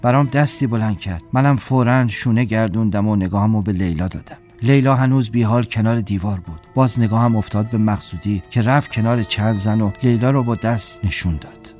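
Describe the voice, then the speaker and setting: A man reading a first-person story aloud in a measured, steady way. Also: on the low side, faint music behind. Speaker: narrator. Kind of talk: scripted audiobook narration.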